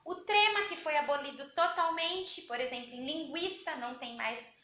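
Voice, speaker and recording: A young woman teaching a grammar class, her voice high and bright. She talks in a chatty way, asking questions and then answering them herself. The sound bounces around an echoey room. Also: normal speed, slight background noise. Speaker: Portuguese teacher. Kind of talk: online grammar lesson.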